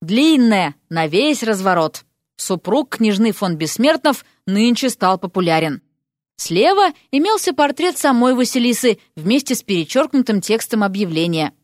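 A woman narrates an ironic fairy tale with lively, playful storytelling. Her voice sits fairly high, and the recording is close and dry with no room sound. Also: moderate pace, no room sound. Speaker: audiobook narrator.

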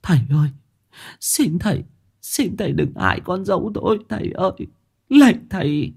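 A man voicing a frightened old village woman who pleads and wails in a high, strained voice. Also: animated, normal speed, vocal fry, a little mellow, husky, heavily acted. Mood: begging. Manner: pleading, wailing.

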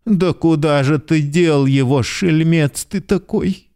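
An actor playing a nervous, excitable middle-aged clerk in a literary radio drama, pleading one moment and hurling abuse the next. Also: male voice, fairly high pitch, slow, clean tone. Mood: furious. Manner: agitated, pleading, bursts into shouting abuse.

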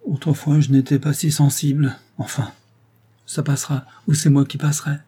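A man voicing an aging, loyal female servant with a cracked, tired voice, speaking slowly with halting pauses. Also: mid-range voice, flat delivery, mellow, breathy edge, pitched above the performer's own voice, close to an everyday voice. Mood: weary scolding.

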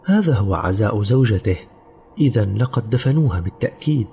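A man giving a grave, dramatic reading of a dark story as an audiobook narrator. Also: on the low side, expressive, fairly quick, vocal fry, a little hiss or hum. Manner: grave storytelling, sometimes voicing characters.

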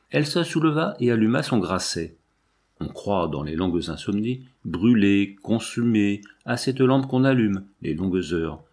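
A man narrating a classic novel as an audiobook, in a slow, measured and solemn manner. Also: lowish voice, a little mellow.

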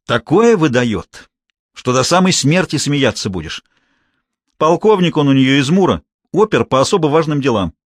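A scornful, irritable crime boss barks orders and lectures his henchman, voiced by a man reading the story. The voice rides up high and swings widely, recorded dry and close. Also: sing-song, normal speed, dry recording. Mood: bossy.

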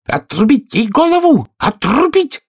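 A man voicing a furious, shrill queen of cards who screams orders in a piercing voice. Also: huge pitch swings, a little slow, creaky, exaggerated voice. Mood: furious shouting.

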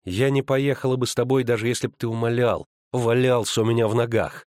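A man's voice: animated, normal speed, no room sound, clean studio sound, close to an everyday voice. A man voicing a proud, spurned sorceress woman who speaks with biting sarcasm in an audiobook. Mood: sarcastic, furious. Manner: biting sarcasm, rising pitch. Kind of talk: audiobook character voice.

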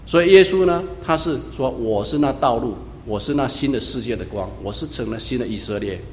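A man preaching a sermon as pastor, swinging between loud emphatic lines and quiet low asides. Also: animated, brisk, big-room sound, slight background noise.

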